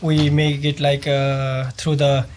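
A man's voice: fairly high pitch, completely flat delivery, slow, darkish tone, slight background noise. Hesitant man. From Nepal. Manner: hesitant, many fillers, plain explaining. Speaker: sous chef. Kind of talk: casual interview.

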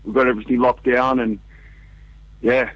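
A man, a musician giving a casual, halting interview over a muffled phone call. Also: mid-range voice, level tone, fairly bright tone, dry recording. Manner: informal, halting. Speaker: punk band musician being interviewed. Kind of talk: casual chat. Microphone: phone call to radio show. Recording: dull, band-limited phone call.

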